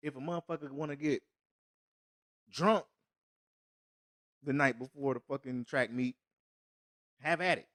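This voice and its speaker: Guy cohosting a podcast, cusses a lot, mid pitch, super dry close sound. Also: unhurried, long pauses, fairly bright tone, dry recording. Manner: profane, emphatic, restarts mid-thought. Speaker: podcast co-host. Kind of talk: casual chat.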